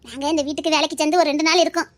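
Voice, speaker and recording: A blunt old village grandmother with a Tirunelveli accent lectures and teases in a lowered, gravelly-sounding register, as a woman acts her out. She talks like someone who has seen it all. This is a one-voice audio drama. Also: steady tone, racing, natural voice. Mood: gossiping. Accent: Tirunelveli Tamil. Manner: scolding, lecturing, teasing.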